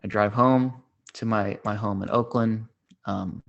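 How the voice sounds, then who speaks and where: Low-voiced man in his thirties telling a story. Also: creaky, lo-fi sound. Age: 30s. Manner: unhurried, animated when quoting others. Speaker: podcast host. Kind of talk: casual storytelling.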